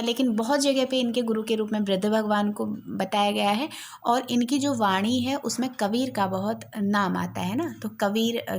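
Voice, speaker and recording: A woman with a slightly high voice teaches a literature class for exam students. She explains step by step, repeats the important points, and stops often with small fillers. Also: a little hiss or hum. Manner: slow, careful recitation of verses. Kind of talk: exam-focused lecture.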